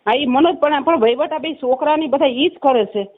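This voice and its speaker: A woman's voice: high-pitched, moderate pace. A middle-aged woman calling in, talking in a hesitant, rambling way with many restarts. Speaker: caller. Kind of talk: phone call complaint. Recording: tinny phone line.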